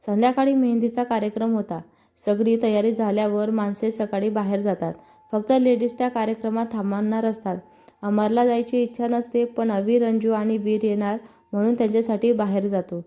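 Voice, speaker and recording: A woman with a Marathi accent reading a scripted story aloud, voicing all the characters' lines in her own even narrating voice. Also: on the high side, moderate pace. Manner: reads all parts in one even narrating voice.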